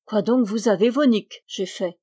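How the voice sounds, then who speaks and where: A woman reading the part of a young peasant girl who keeps geese, chatty and proud, speaking in a lively, folksy country way. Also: mid-range voice, moderate pace, husky, natural voice. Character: peasant girl goose-keeper, chatty, proud, quick-tempered.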